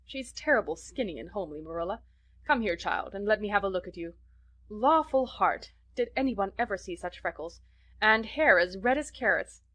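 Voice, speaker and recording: A woman's voice: mid-range voice, expressive, fast talker, a bit bright. A woman voicing a blunt, disapproving older neighbor woman in a storybook reading. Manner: emphatic, disapproving.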